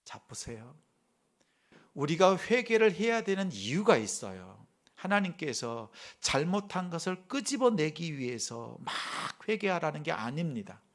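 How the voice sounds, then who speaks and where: A male pastor preaching a sermon in a church, telling a story with lively swings between loud and hushed delivery. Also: a little high, measured pace.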